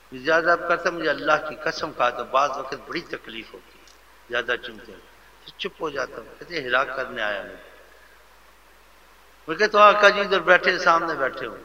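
ایک پرجوش مبلغ مرد، تیز چمکدار آواز، دھیمی recording. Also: male voice, on the high side, sharp tone. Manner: fervent, mimics how people address others. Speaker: preacher. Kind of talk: devotional sermon. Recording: lo-fi recording with faint ambience.

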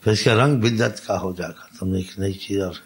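A man preaching a sermon, exhorting his listeners, repeating his points and quoting Arabic sayings in between. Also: low-pitched. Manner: exhorting, repetitive, quotes Arabic hadith. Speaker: Islamic preacher.

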